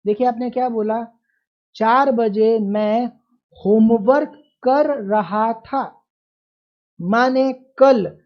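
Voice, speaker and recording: A woman teacher, speaking very slowly and in a fairly high voice as she walks through grammar. She repeats each example sentence with emphasis and stops to quiz her students. The recording is dull and lo-fi. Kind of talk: classroom grammar lesson.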